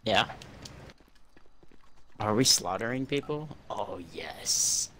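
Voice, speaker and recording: A man's voice: on the low side, animated, takes it slowly, bright, forceful tone. A man joking playfully and swearing casually as he streams a video game with friends. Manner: playful, profane, exclamatory. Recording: noisy game sound behind.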